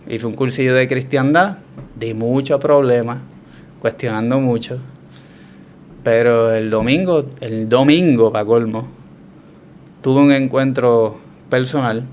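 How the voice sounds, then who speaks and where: A man with a Puerto Rican Spanish accent, telling his story as a guest in a relaxed, reflective way with frequent restarts. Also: medium pitch, moderate pace, pauses often, a little hiss or hum. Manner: reflective, hesitant with many restarts. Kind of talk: conversational testimony.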